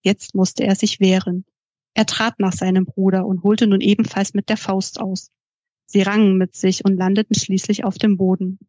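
A woman author reads from her own novel at a steady, even pace. Her voice is mellow and flat in pitch. It is close-miked and dry, and the recording sounds dull. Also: moderate pace, no room sound.

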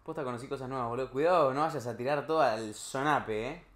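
A man's voice: medium pitch, fast talker, fairly bright tone. A man with an Argentine accent, co-hosting a podcast and trading teasing banter, sprinkled with English slang. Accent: Argentine Spanish. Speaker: podcast co-host. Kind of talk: casual chat.

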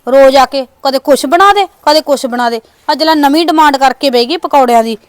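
A woman's voice: sits high, brisk, dry recording. A woman acting as an overworked daughter-in-law in a scripted village sketch, grumbling and resentful. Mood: muttering.

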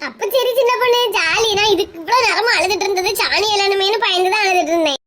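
A woman's voice: extremely high pitch, fast. A woman voicing a whining, complaining elder sister with a Kanyakumari accent, in a noisy recording. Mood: cheeky. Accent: Kanyakumari Tamil. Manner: whiny, complaining.

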